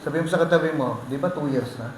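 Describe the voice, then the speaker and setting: A man's voice: a little high, fast talker. A man preaching a sermon as pastor, joking with and teasing the congregation. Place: church hall. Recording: echoey hall with faint noise.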